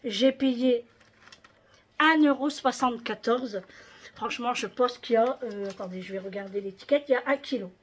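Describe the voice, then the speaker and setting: A woman's voice: a little high, moderate pace, slight background noise. A woman vlogger chatting casually about her shopping haul, with many hesitations and repeated words.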